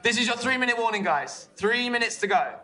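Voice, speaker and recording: An upbeat host running a speed-dating night. His voice is high and chirpy as he announces, heard from a distance with music playing. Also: expressive, fairly quick, bright, forceful tone, full character voice. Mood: announcing. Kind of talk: live-action game acting.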